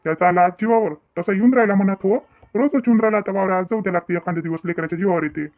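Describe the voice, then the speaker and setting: A man's voice: high-pitched, rapid-fire, darkish tone, dull audio. A man voicing an older male farmer and father-in-law, folksy and rambling in a cartoon family drama. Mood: weary.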